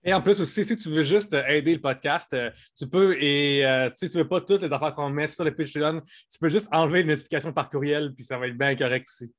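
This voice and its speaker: Man, high, energetic live-podcast co-host. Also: fairly quick, hardly any pauses. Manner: energetic, loud, playful. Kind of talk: casual chat on a live podcast.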